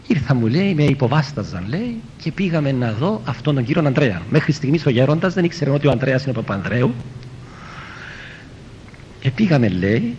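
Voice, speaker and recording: A man's voice: very animated, darkish tone. A priest tells a story as a homily, acting out the quoted speakers and repeating "he tells me" again and again. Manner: retells a story, quoting others and repeating "he tells me". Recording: muffled lo-fi with faint rumble.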